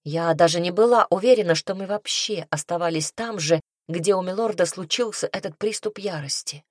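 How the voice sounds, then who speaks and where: A woman reading a first-person audiobook, telling the story in a lively, ironic way. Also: fairly low pitch, normal speed, no room sound, studio quality. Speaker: audiobook narrator.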